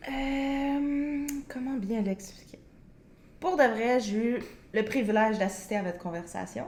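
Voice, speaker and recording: A woman's voice: a little high, a little slow, darkish tone. A woman speaking as a guest in a casual podcast conversation. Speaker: podcast guest, flight attendant. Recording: echoey room sound.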